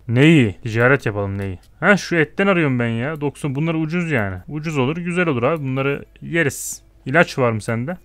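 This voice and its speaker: A man's voice: medium pitch, fairly bright tone, no room sound. A young man giving casual, jokey let's-play commentary as a gaming streamer, reading the game's dialogue aloud as he plays. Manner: chatty, jokey, reads game dialogue aloud.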